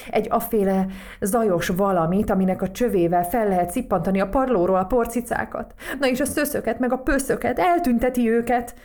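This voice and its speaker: A woman's voice: on the high side, a little mellow, voice pushed up, close to an everyday voice. A woman voicing a fretful, kindly witch in a storybook reading, worried and earnest.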